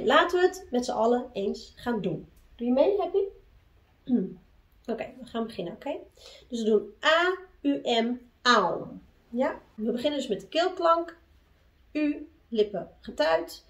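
A woman slowly explaining a sacred syllable and leading a group in chanting, addressing her listeners formally. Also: sits high, roomy sound, recorded from a distance. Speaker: spiritual teacher. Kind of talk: teaching and guided chanting.

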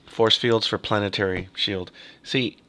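A man casually talking through a strategy game as he plays, half muttering to himself, slightly hoarse from a cough. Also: fairly low pitch, steady tone, measured pace, sharp tone. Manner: muttering to himself while playing. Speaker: gaming video host. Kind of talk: casual let's-play commentary.

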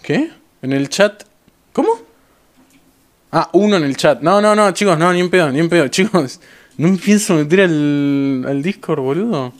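A young man with an Argentine accent streaming a game, talking excitedly to his viewers and repeating phrases over and over. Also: on the high side, moderate pace. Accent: Argentine Rioplatense Spanish. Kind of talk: live gameplay commentary.

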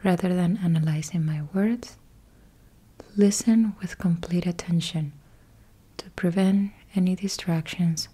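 A fairly low-pitched woman, her intonation fairly even, leads a yoga nidra meditation for sleep. Hers is a soothing hush of short, measured phrases that close with soft, breathy endings.

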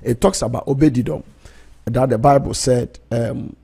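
A middle-aged male pastor preaches into a close studio microphone. His voice is very husky and dark, with plenty of creak. He drives points home by repeating key phrases. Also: medium pitch, steady tone, moderate pace. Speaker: pastor and prayer programme host. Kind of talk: preaching on a prayer broadcast. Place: small indoor radio studio. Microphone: close studio mic on boom arm, headphones.

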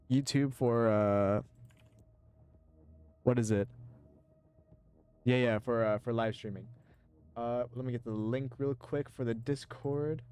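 Around twenty years old, this young man plays a game on a live stream, chatting casually, reading viewer messages aloud, and swearing or yelping when enemies appear suddenly. His medium-pitched voice is a little mellow and smooth, with game music running underneath.

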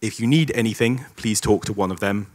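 Speaking into a stage microphone in a large hall, a man opens a conference and handles housekeeping announcements. He's upbeat and lightly joking, and his voice is on the low side and brisk.

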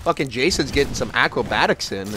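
A man giving casual, excitable gaming tournament commentary in an informal way, ready to break into shouts. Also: medium pitch, fast talker, over loud music.

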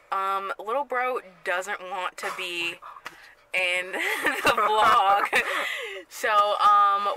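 A young woman rambling excitedly in a casual vlog, talking to her handheld camera. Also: medium pitch, clean tone, rough recording. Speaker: vlogger. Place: bedroom, then a parked car.

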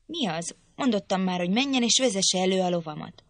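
A woman's voice: medium pitch, expressive, dry recording, natural voice. A woman reading an audiobook, voicing a spoiled, imperious young girl who talks down to others. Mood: bossy. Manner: imperious, petulant.

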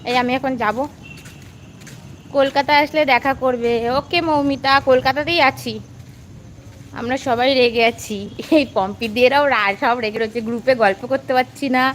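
High-voiced chatty woman vlogger. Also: moderate pace, slight background noise. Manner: chatty, affectionate, lively. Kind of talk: casual live-stream chat, answering viewer comments. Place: outdoors walking along a street.

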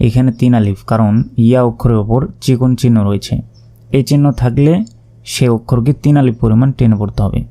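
A man with a gravelly, dark voice teaches Quran reading patiently, spelling words out sound by sound. Now and then he stretches a word into a slow, drawn-out chant before going back to plain explanation. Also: medium pitch, fairly even intonation. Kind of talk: spelling out recitation step by step.

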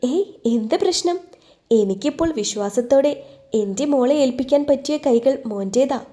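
A woman's voice: high voice, lively intonation, normal speed, mellow. A woman voicing an older village father in an audio story, speaking in a hesitant, fatherly way.

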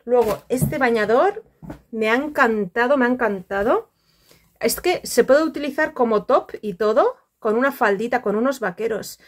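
A woman's voice: fairly high pitch, lively intonation, moderate pace. A middle-aged woman from the Country, chatting casually to camera outdoors by a pool, affectionate and full of fillers. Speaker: vlogger.

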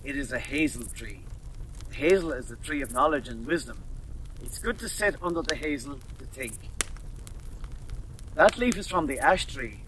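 A man voicing a calm, wise male wolfhound who teaches the children, heard from a slightly distant mic. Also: medium pitch, moderate pace, pauses often, a little hiss or hum, close to an everyday voice.

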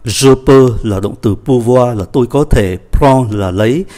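Guy teaching a lesson, warm mellow tone, repeats stuff to explain it. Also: mid-range voice, measured pace. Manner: patient, repeats phrases to explain them. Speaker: French teacher. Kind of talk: language lesson explaining a dialogue.

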